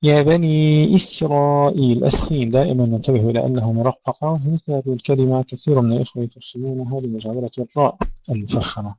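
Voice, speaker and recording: A man's voice: medium pitch, steady tone, rapid-fire, dark tone, dry recording. A male recitation teacher gives a careful tajweed lesson and demonstrates each sound. His voice sits in a middling register. The recording is dry and muffled, with a lo-fi quality.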